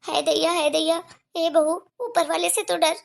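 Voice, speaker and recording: A woman's voice: extremely high pitch, fairly even intonation, moderate pace, creaky, exaggerated voice. A woman voicing a sly, complaining older mother-in-law in a cartoon, with whiny dramatic grumbling. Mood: indignant.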